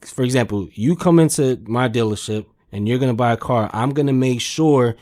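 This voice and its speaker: A podcast guest who works as a car sales manager tells stories in a casual, conversational way. His medium-pitched voice is brisk and a little mellow, and his talk is emphatic and slangy, with free swearing and plenty of "man" and "you know."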